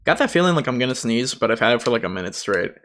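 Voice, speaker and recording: A man's voice: medium pitch, big pitch swings, very fast, a bit bright, slight background noise. A man giving casual, rambling commentary on a video game, informal and sweary. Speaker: gaming commentator.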